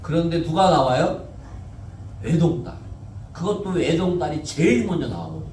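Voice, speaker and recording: A man's voice: a little high, lively intonation, moderate pace, darkish tone, slight background noise. A male pastor preaching a Sunday sermon in a conversational way, often asking the congregation questions and answering them himself. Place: church sanctuary. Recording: echoey church, mic at a distance.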